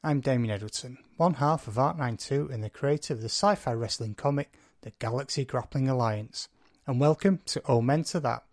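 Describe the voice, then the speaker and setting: A man's voice: medium pitch, normal speed. A man hosting a podcast interview in an informal, matey way with some mild swearing. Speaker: podcast host.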